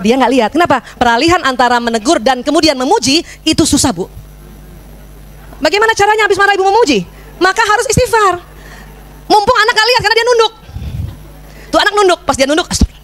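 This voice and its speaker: A middle-aged woman giving a religious parenting lecture, lively and teasing her audience with questions. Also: very high-pitched, fast talker, pauses often. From Indonesia.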